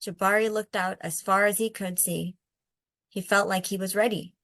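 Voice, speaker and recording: A woman's voice: mid-range voice, fairly even intonation, normal speed, fairly bright tone, dry recording. Woman reading aloud, close dry sound. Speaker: read-aloud host. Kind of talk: picture-book read-aloud and casual discussion.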